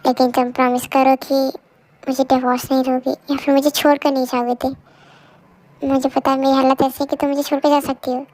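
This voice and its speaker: A young woman voicing a troubled young husband in an amateur fan dub drama, speaking in a pleading, emotional, halting way. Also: high-pitched, flat delivery, a little mellow, close to an everyday voice.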